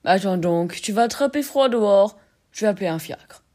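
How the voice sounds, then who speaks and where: A woman's voice: medium pitch, expressive, moderate pace, mellow, natural voice. Brief: woman voicing a fussing male clerk, eager, a little stammering, storybook reading. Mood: coaxing. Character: flustered, eager-to-please male clerk husband.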